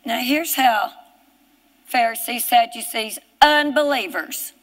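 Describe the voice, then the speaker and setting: Woman preacher, Southern US accent, fervent, reads scripture, high pitch. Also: takes it slowly, in a large hall, rough recording. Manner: fervent, rising to shouts, reads scripture aloud. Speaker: preacher on a ministry broadcast. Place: television studio set.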